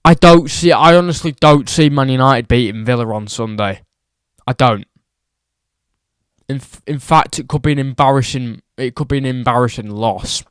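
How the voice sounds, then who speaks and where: A man's voice: mid-range voice, normal speed, clear, resonant tone, dry recording, studio quality. A young man ranting about football results, exasperated and repeating his points for emphasis. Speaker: football vlogger.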